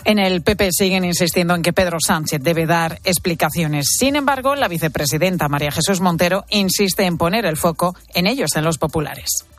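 A woman's voice: fairly low pitch, fairly quick, few pauses. A woman with an accent from Spain presenting scripted radio news. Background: music bed.

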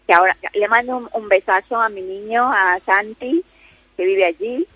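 Over a dull, lo-fi phone line comes a Colombian-born, middle-aged woman with a Spain Spanish accent, a chatty caller who fills her talk with fillers and restarts. Her mid-range voice sounds pushed and bright at a moderate pace, and there's no room sound.

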